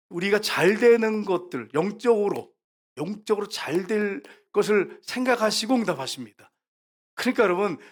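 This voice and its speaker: A male pastor preaching a sermon. He speaks straight to the congregation and moves between loud, emphatic lines and hushed storytelling. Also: sits high. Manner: often addresses the congregation directly.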